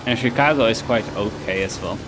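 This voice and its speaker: Gaming at home on stream, a man with a lowish voice talks briskly over game music. His chatter is loose and wandering, full of jokes at his own expense, and he frequently trails off mid-thought.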